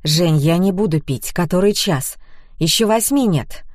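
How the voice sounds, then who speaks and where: A woman's voice: lowish voice, lively intonation, a little slow, dry recording, clean studio sound. A woman reader voicing a sleepy, grumpy young mother who pleads and grumbles wearily. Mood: weary, grumpy. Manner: weary and pleading.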